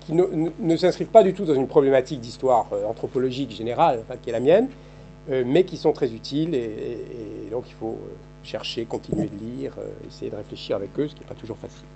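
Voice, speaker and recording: Mellow-voiced man lecturing, halting restarts. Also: medium pitch, gravelly, faint music behind. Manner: thinking aloud, frequent halting restarts and repeated words. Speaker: historian giving a seminar talk. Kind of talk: academic seminar lecture. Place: seminar room. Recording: dull, lo-fi archive seminar recording.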